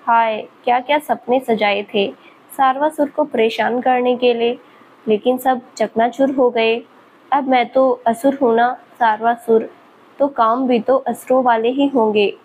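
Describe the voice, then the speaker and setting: A woman reading a storybook voices a young male professor with a light, higher voice who teases and laughs at her, playful and mischievous with a grin in every line. Her delivery is steady, unhurried, slightly mellow, and lightly acted. The low-quality recording carries a faint hiss beneath it.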